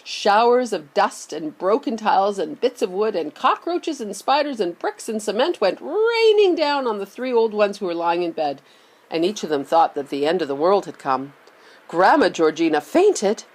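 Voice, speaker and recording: A woman reading a children's novel aloud, expressive and lively. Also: medium pitch, moderate pace. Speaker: reader.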